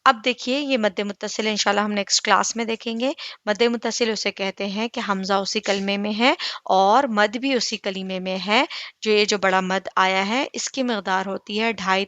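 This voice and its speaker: A woman teaching Quran recitation in an online lesson. She talks patiently, asks her class questions and answers them herself, and draws out recited words very slowly. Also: medium pitch, fairly bright tone, dry recording, lo-fi sound.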